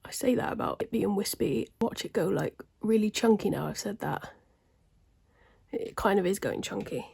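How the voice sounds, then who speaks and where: A woman's voice: mid-range voice, moderate pace, vocal fry, a little mellow, breathy edge. A woman chatting casually through her makeup routine at home, with self-deprecating remarks and frequent half-whispered asides. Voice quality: slightly smoky laugh. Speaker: beauty vlogger. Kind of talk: casual get-ready-with-me chat. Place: at home, at a desk, in daylight.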